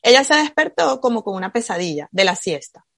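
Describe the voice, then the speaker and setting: A woman's voice: on the high side, big pitch swings, brisk, gravelly, fairly bright tone, no room sound, studio quality. A woman chatting casually with other mothers, telling reflective stories and acting out her daughter's lines. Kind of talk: casual chat among mothers.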